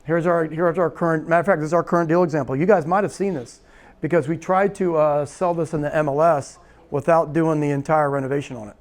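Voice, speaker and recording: A man's voice: on the high side, fast talker. A man teaching a real estate investing seminar, telling a story and acting out the dialogue, often checking in with "right?". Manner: animated storyteller, acts out quoted dialogue, repeats "right?". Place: seminar room.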